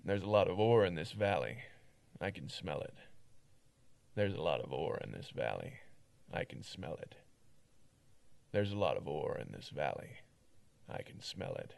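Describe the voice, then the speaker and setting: A man voicing a gruff, dismissive middle-aged miner in a game, talking bluntly and loudly. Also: sits low, very animated, unhurried, pauses often, voice pushed down, full character voice. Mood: musing. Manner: blunt, loud and scornful.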